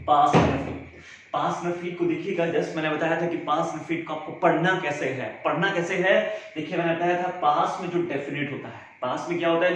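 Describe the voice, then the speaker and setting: High-voiced male teacher in echoey room. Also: a bit bright. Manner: explains by repeating and asking questions. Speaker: English teacher. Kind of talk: classroom grammar lesson. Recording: very echoey room, faint background noise.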